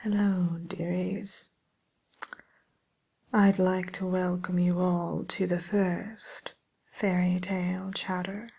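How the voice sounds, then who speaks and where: A woman voicing a vain, condescending wicked witch in an in-character ASMR chat, drawling in a breathy, creaky, self-satisfied way. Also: lowish voice, flat delivery, slow, warm tone, heavily acted. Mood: smug whispering.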